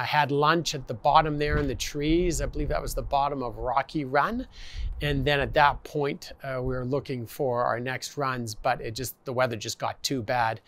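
Man, 40s, outdoor interview, halting recollection, fillers, mid pitch. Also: fairly bright tone. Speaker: blind skier. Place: outdoors by forest.

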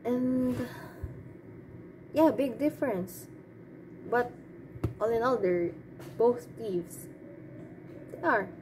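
A woman's voice: fairly high pitch, expressive, extremely slow, pauses often, a little mellow. A woman giving her opinions in a casual, off-the-cuff monologue, hesitant and rambling as she thinks aloud. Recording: clearly noisy background.

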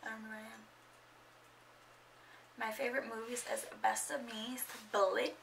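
A woman's voice: fairly high pitch, little pitch movement, unhurried, gravelly, a bit bright, distant mic, a little hiss or hum, poor audio. A young woman in her twenties chatting casually in a get-to-know-me vlog at home, rambling and a bit awkward, full of fillers. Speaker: vlogger. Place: at home indoors. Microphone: camera microphone.

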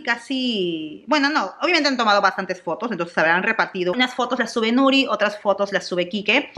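A young Peruvian woman with a Peruvian Spanish accent and a medium-pitched voice chats excitedly in a casual celebrity gossip vlog, tossing in English exclamations.

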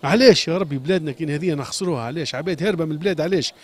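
A man's voice: fairly high pitch, very fast. A man from Sfax with a Tunisian Arabic accent, a shoemaker pouring out an impassioned, agitated complaint in a street interview, repeating his questions and pleading.

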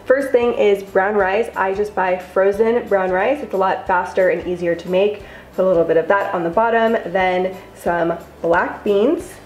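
A woman's voice: mid-range voice, fairly even intonation, normal speed, a little mellow, reverberant, a little hiss or hum. A young woman vlogger talking through her cooking steps in a chatty, upbeat voice-over. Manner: upbeat, chatty, step-by-step instructions. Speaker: lifestyle vlogger. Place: home kitchen.

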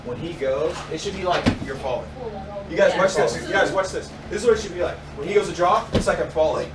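A man's voice: high-pitched, fast, far from the mic, crowd noise. A man instructing a martial arts class, talking while he demonstrates moves and adding sound effects. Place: garage dojo with mats, indoors. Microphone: far camera. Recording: echoey room, heard from afar, loud noise.

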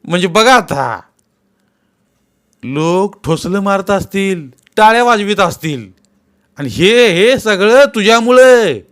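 A man's voice: high voice, very animated, pitched above the performer's own voice, full character voice. A man voicing a furious, self-pitying village headman who scolds his old mother in a storybook reading. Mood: bitter despair. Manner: shouting, scolding, rapid-fire questions.

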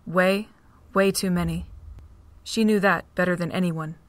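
A woman narrating an amateur audio drama with an even, steady reading. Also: on the low side, a little slow, no echo.

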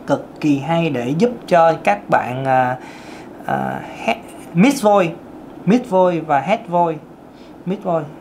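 A man's voice: on the high side, a little hiss or hum. Chatty male vocal coach. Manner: demonstrates vocal registers while explaining; chatty, addresses viewers directly. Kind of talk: casual singing lesson.

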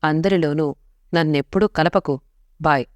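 A woman's voice: low voice, normal speed, dry recording, natural voice. A woman voicing a teasing, possessive young man in a story, speaking in a mocking, curt way.

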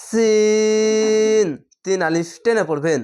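A woman from Bangladesh teaching a step-by-step Quran reading lesson, sounding out each letter slowly and louder, with plain explanations in between. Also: lowish voice. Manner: slow, drawn-out letter pronunciation between explanations; sounds the letters out louder and more drawn out than her explanations.

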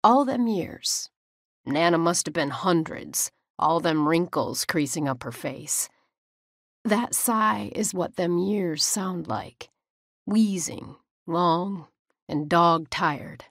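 A woman's voice: fairly low pitch, animated, slow pace, a bit bright, dry recording, studio quality. A woman with a drawl, narrating an audiobook in first person in a folksy way.

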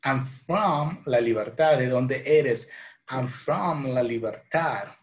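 A man in his thirties from El Salvador with a Salvadoran Spanish accent, teaching a bilingual English lesson from a small room at home, repeating phrases slowly and then translating them into Spanish. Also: medium pitch.

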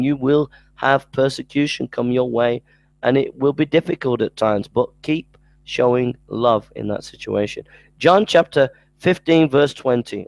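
Over a headset mic in a small room at home, a man records a Bible lecture in a gravelly, slightly mellow voice of medium pitch. He's earnest, repeating scripture references and stumbling before restarting. The audio is poor, though there's no room sound.

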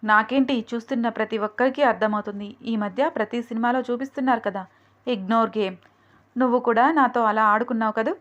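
A woman's voice: fairly high pitch, dull audio, natural voice. A woman voicing a jealous, angry young woman who taunts and scolds.

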